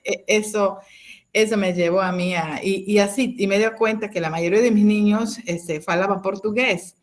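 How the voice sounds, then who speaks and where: A woman in her fifties, speaking on a video call as a teacher recalls her early years in the classroom. She tells the story with many restarts, repeated words and little tag questions, at a middle pitch. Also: steady tone, moderate pace. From Peru. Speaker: teacher sharing a testimony. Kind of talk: personal anecdote in an online class.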